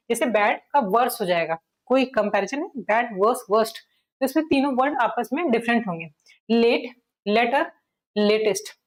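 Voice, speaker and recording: A woman with a somewhat high voice walks students through a grammar lesson. She talks patiently and methodically, repeating each word form aloud so it sinks in. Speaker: English grammar teacher. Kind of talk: classroom-style explanation.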